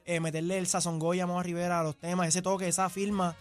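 A quick, high-voiced young man, talking as a guest on the radio. He is playful and jokes as he speaks, and faint music plays underneath. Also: level tone. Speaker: salsa singer guest. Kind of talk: casual radio interview.

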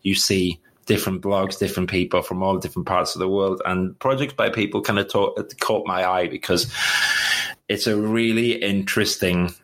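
A man's voice: deep voice, little pitch movement, normal speed. A man hosting a podcast in a casual interview style, chatty, rambling and self-deprecating. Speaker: podcast host.

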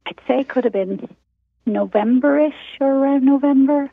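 An Irish woman calls in to a radio show, her voice squeezed thin through a phone line. She talks casually and chattily, dotting her sentences with "like", in a fairly high voice. The line is dry, with no room sound around her. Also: moderate pace, creaky, dry recording. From Ireland. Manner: chatty and casual, with frequent fillers like "like". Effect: caller heard over a phone line. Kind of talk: casual chat.

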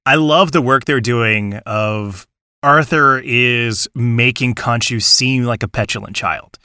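A podcast host talks enthusiastically in rambling bursts during a casual discussion, restarting his sentences often. His mid-range voice is pushed and bright, delivered at a slow pace. The recording is clean, dry and studio quality.

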